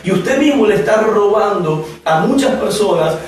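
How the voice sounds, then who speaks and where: A man's voice: high voice, animated, normal speed, far from the mic, a little hiss or hum. A man preaching a Bible teaching to viewers on camera, speaking emphatically and repeating phrases for stress. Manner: emphatic, repetitive preaching with rhetorical questions. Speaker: pastor teaching a Bible course. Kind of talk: sermon teaching to a camera audience. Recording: echoey room, voice from off the mic, faint ambience.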